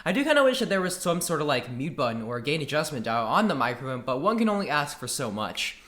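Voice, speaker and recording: Speaking into a USB condenser mic on his desk, this male tech reviewer delivers an enthusiastic, scripted product review. His voice runs slightly high with a sharp edge. There's roomy echo in the recording along with some faint music.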